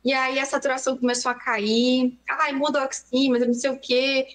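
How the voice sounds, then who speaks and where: A young adult Brazilian woman, a pediatrician, recounting a frightening story in an interview with fast, emotional narration. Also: high-pitched, level tone, fairly bright tone. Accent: Brazilian Portuguese. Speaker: pediatrician guest.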